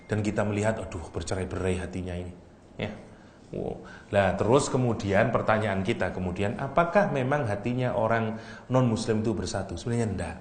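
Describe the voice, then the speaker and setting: Deep-voiced preacher, echoey hall. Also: male voice, brisk. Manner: lively, teasing, with Arabic recitation. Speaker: Islamic preacher. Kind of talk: religious lecture. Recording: echoey hall, faint room noise.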